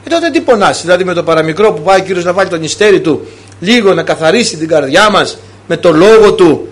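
A man's voice: high-pitched, lively intonation, slightly rough. A man preaching a sermon to his congregation, piling up rhetorical questions and acting out short exchanges in shifting voices. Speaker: priest.

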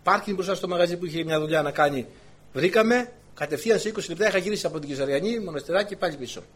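A man preaching a sermon to his congregation, telling a lively personal story as he goes. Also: breathy edge. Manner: animated storytelling, voice climbing high when excited. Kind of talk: sermon with anecdote.

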